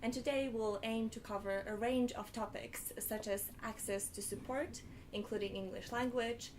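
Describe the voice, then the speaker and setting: A woman's voice: on the high side, fairly even intonation, moderate pace, a little mellow, a little hiss or hum. A young woman hosting a live student webinar panel, organised with a few fillers. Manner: organised, slightly hesitant with fillers. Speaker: panel host.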